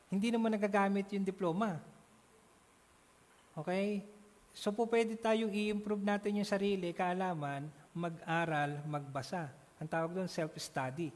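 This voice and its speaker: Casting: man with a high voice, animated church Bible class teacher, long hall echo. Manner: animated, keeps checking in with the class.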